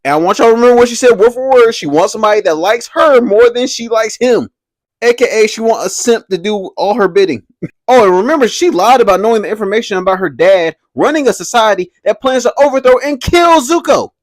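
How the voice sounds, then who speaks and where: A young man hosting a casual commentary video, animated and slangy, laughing often as he talks. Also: high-pitched, fairly quick, no room sound. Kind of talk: casual pop-culture commentary.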